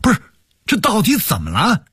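A man voicing a middle-aged man home from a journey, husky. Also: high-pitched, wildly swooping pitch, normal speed, sharp tone, no room sound, studio quality, voice pushed up, full character voice. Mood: urgent. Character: middle-aged man returning home, brisk, later stunned.

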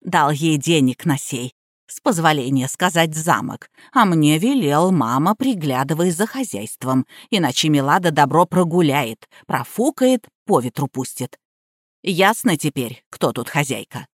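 A woman's voice: deep voice, animated, measured pace, dry recording, studio quality, pitched below the performer's own voice. Woman doing a haughty sugary old lady. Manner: cloyingly sweet, then commanding. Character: elderly haughty mother-in-law, sugary yet domineering.

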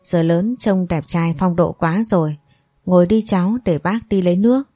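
A woman's voice: fairly low pitch, moderate pace, warm tone, no room sound, soft background music, lightly acted. A woman voicing a kindly, fussing older woman in a family story. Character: kindly old grandmotherly woman.

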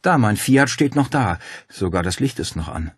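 A man's voice: fairly low pitch, animated, normal speed, slightly rough, dry recording, clean studio sound, voice pushed up. A man voicing a determined young woman who speaks urgently and decisively. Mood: tense.

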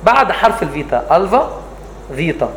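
An Egyptian man teaches in a brisk, slightly raised voice, patiently walking the class through each point and asking it questions. He is recorded in an echoey room with faint noise behind him. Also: high voice, big pitch swings, vocal fry. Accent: Egyptian Arabic. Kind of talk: explanatory lesson.

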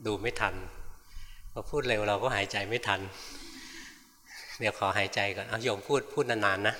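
A male monk giving a fast, direct dharma talk and answering questions from the audience. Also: fairly low pitch, steady tone, pushed and bright, long reverb tail, a little hiss or hum. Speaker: meditation teacher monk. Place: large meditation hall.

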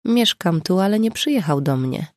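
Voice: medium pitch, normal speed, dry recording, lightly acted. Brief: narrator as a composed woman, firm and reassuring, dry close sound. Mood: earnest. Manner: calm, clear and firm. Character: grown woman, steady and reassuring.

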